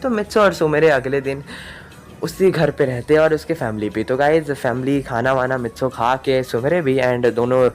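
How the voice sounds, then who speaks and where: A man's voice: medium pitch, moderate pace. A young man telling a homemade story in a loose, casual way. He stumbles, restarts and fills gaps with ums. He keeps speaking directly to his viewers. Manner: hesitant, filler-heavy, talks to viewers as guys.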